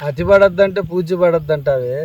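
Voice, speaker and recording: A man playing a nephew in a village comedy skit, exasperated, pleading and shouting. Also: a little high, moderate pace, phone-quality sound, background noise.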